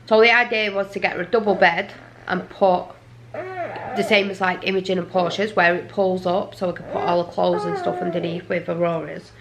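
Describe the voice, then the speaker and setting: Woman, worn out and rambling, chatty home vlogger, creaky voice. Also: fairly low pitch, steady tone, normal speed. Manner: rambling, apologetic. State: exhausted. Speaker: parent vlogger. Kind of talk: casual vlog chat. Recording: noisy home recording.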